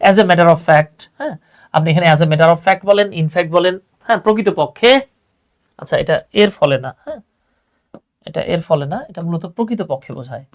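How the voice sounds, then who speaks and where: A man's voice: a little high, moderate pace. Patient Bangladeshi male English tutor. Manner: explains patiently, repeats phrases, addresses students as "baba". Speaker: English teacher. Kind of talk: online exam-prep lesson.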